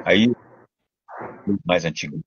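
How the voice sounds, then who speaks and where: An older man with a Brazilian Portuguese accent, a voice actor and dubbing director telling stories in a casual interview, animated and full of restarts. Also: low-pitched, slow, slightly rough, no echo, muffled recording. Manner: animated storytelling, many restarts.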